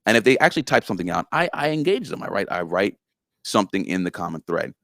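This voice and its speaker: A man's voice: deep voice, quick pace, vocal fry, no echo, studio quality. A man being interviewed about his story series, talking animatedly and repeating words as he thinks. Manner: animated, slips in and out of character voices. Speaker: guest, creator of a story series. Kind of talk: casual interview chat.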